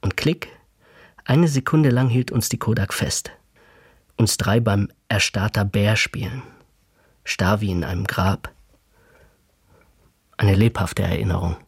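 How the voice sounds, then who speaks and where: A man narrating a radio drama in a slow, reflective way, recalling a childhood photo. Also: fairly low pitch, gravelly, husky, no echo, clean studio sound, full character voice.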